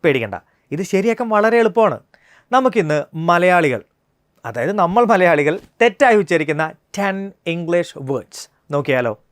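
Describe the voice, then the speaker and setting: A Malayali teacher with a Malayalam-native accent runs a pronunciation lesson. They describe how to hold the lips and mouth, then stretch each model word out slowly and precisely. The voice sits at a middle pitch, recorded close and dry. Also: very animated, dry recording. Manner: slow, careful model pronunciations of words; explains mouth and lip positions while demonstrating. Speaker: spoken English teacher.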